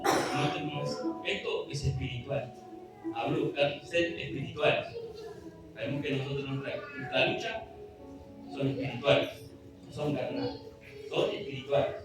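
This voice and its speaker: A man preaching a sermon, reading scripture aloud in an earnest, pleading way. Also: on the high side. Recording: echoey room, distant mic, music behind.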